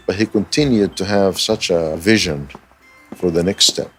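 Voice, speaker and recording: A man's voice: low-pitched, moderate pace, a bit bright, soft background music. A man, a research professor, explaining his field emphatically in a documentary interview, repeating phrases for weight.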